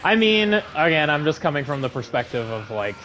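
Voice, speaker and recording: A man co-hosting a live game stream in casual chat, easygoing and agreeable, laughing often and filling pauses with "like" and "um". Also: fairly high pitch, very animated, crowd noise, low-quality recording. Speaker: streamer co-host.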